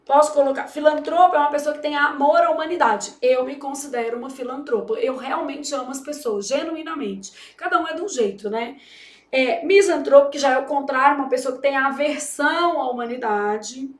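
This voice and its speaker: A woman's voice: high voice, brisk, echoey room. A Brazilian Portuguese woman teaching grammar for exam prep, chatty and joking with her students. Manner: chatty, jokey, addresses students as "gente". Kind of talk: lively classroom lesson.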